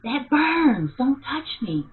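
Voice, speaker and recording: A woman voicing her frightened grown son, shaky and strained, pitched high and loud. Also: big pitch swings, slow pace, heavily acted. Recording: tinny phone-like sound.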